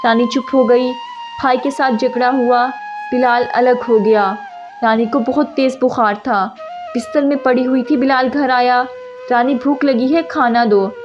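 A woman narrates a sad story in a steady, emotive reading. Her voice is high, the recording is dull and lo-fi, and music plays throughout. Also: unhurried.

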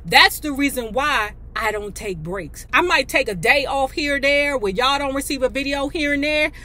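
Sitting in a parked car, an American woman in her fifties hosts a video, reading aloud and commenting in a blunt, sassy, casual manner. Her voice sits high and sounds bright and forceful at a normal speed.

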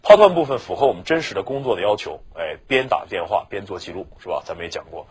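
A man's voice: sits low, animated, fast talker. A male teacher giving a chatty exam-prep lecture, often checking with his students for agreement. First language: Mandarin Chinese. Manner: chatty, keeps asking "是吧" for agreement.

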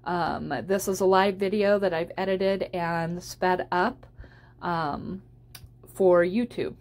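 A woman's voice: medium pitch, darkish tone. A woman giving a casual instructional voice-over as a tutorial host, explaining step by step in an encouraging way.

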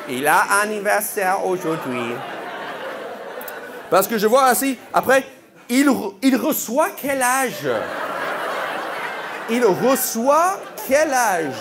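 A male stand-up comedian with a high, very lively voice works the room with playful, disbelieving questions. He speaks in an unhurried way over a live crowd, and noticeable ambient noise sits under the recording. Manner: playful, incredulous questioning of the audience. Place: comedy venue with a live audience.

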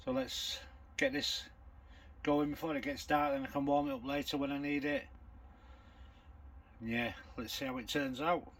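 This older fishing vlogger has a very high-pitched, gravelly, somewhat bright voice with big pitch swings, normal speed and long pauses. He talks casually to camera in a matter-of-fact running commentary while cooking a curry in his bankside bivvy at dusk. The recording is rough.

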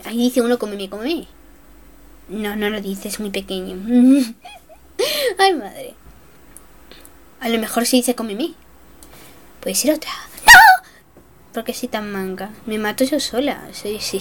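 A young woman giving excitable, self-mocking gameplay commentary, swinging between shrieks and mutters. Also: medium pitch, a little hiss or hum. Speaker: gaming youtuber.

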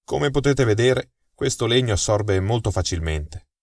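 A man voicing a calm, amused detective in an audiobook mystery, unruffled and dryly chuckling. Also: mid-range voice, a little slow, no echo. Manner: unflappable, dry chuckle. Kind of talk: audiobook dialogue.

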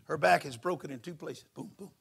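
A male preacher tells a story in a folksy, lively way. His voice is heavily gravelly and husky, and it sits a little high for a man. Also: brisk. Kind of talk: sermon with storytelling. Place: church service.

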